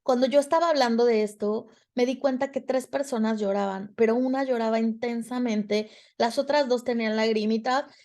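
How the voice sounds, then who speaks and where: A woman's voice: fairly high pitch, a little mellow. A woman with a Mexican Spanish accent giving a reflective talk to students about emotions, speaking expressively and acting out quoted dialogue.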